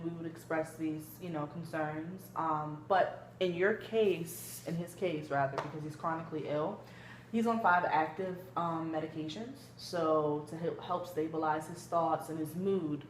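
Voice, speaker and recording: In an echoey room with some background noise, a woman acts as a gentle female therapist in a family-session role-play. Her voice is low, and she explains things conversationally, hesitantly, with many hedges. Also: lightly acted. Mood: calm, concerned. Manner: hesitant, hedging with frequent kinda and you know. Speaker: student clinician in a role play.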